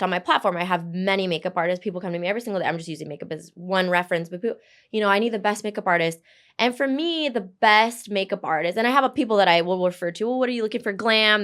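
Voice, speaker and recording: A woman hosting a podcast interview, reacting with quick enthusiasm and chatting casually. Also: mid-range voice, a bit bright. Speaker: podcast host.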